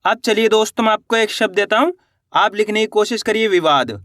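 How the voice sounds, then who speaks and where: A man teaching beginners to read and spell, sounding words out slowly syllable by syllable and quizzing his viewers with encouragement. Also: high-pitched, fairly bright tone, no echo, studio quality. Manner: encouraging, addresses viewers as friends. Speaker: Hindi teacher.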